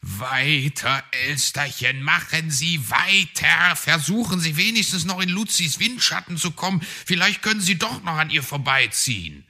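A man's voice: on the low side, expressive, takes it slowly, creaky, sharp tone, full character voice. A man voicing a bossy, eager male fox in a children's story, giving orders and coaching his companion. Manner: commanding, coaching.

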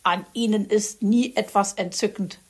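A gruff male fox grumbles his way through the scene, voiced by a woman storyteller. He speaks loudly and curtly, a bossy grouch from a children's audiobook. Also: medium pitch, steady tone, normal speed, natural voice. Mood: grumbling.

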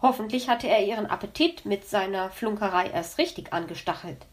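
A woman narrating a children's animal story, reading in a lively way and voicing the characters. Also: mid-range voice, a little fast.

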